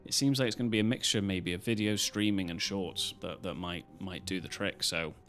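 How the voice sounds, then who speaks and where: A man's voice: low-pitched, fairly quick, a bit bright, soft background music. A British man chatting casually as a live streamer, in a loose, rambling way with some casual swearing. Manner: rambling, loosely strung-together talk.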